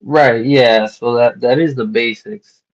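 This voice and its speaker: Male wholesaler, gravelly voice, halting filler-laden phone pitch, dull lo-fi line. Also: fairly even intonation. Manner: halting, filler-heavy, restarts sentences. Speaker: real estate wholesaler cold-calling a seller. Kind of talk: casual sales phone call. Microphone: phone call. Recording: dull lo-fi call recording.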